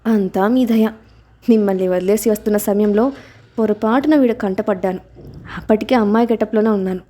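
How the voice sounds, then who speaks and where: A woman voicing a fiery young woman disguised as a man, sharp-tongued and scolding. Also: mid-range voice, a little fast, close to an everyday voice. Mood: indignant.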